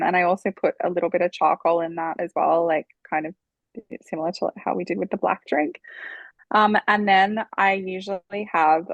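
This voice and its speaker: A woman's voice: fairly low pitch, no room sound, highs cut off. A woman guest in a casual podcast chat, gushing and bubbly and laughing often. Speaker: podcast guest, business founder.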